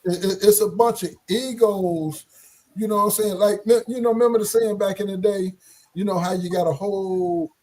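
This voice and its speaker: A man's voice: high voice, fairly even intonation, moderate pace, darkish tone. A man talking casually in a group discussion, often checking that his listeners follow him. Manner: conversational, often checks for agreement with tag questions.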